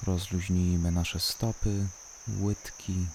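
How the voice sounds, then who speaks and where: Calm deep voice doing guided relaxation, super slow w long pauses, some cricket noise in back. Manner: calm, unhurried, soothing delivery with long pauses. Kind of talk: slow guided body-scan meditation.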